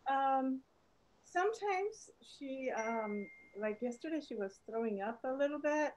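Soft spoken woman on a video call, mellow voice, a bit hesitant. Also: high-pitched, lively intonation, measured pace, low-quality recording. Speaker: class participant. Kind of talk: introducing herself on a video call.

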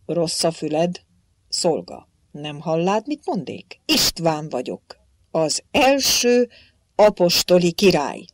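A woman's voice: on the low side, big pitch swings, no room sound, clean studio sound. Woman doing a stern commanding old king. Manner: hard, commanding.

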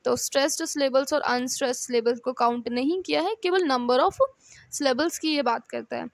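High-voiced woman teaching in a dry room. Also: gravelly, no room sound. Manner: mixes Hindi and English, reads English definitions slowly. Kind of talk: explanatory lecture.

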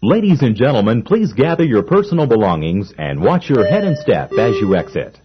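A man giving polite, measured onboard train announcements in a formal manner. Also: medium pitch, big pitch swings. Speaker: transit announcer. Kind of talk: recorded monorail announcements. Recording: dull lo-fi old recording.

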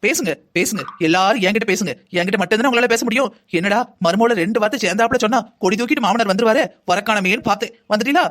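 A woman's voice: mid-range voice, a bit bright, natural voice. A voice actor doing a fiery scolding mother. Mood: furious. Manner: scolding, rapid-fire. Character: angry middle-aged mother, sharp-tongued and bitter. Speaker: bride's mother. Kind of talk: cartoon drama dialogue.

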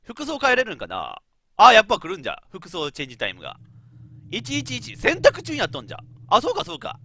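A man's voice: sits high, quick pace, vocal fry, no echo. A man with a giving chatty, laughing let's-play commentary as a game streamer. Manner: animated, chatty, laughs often, talks to himself.

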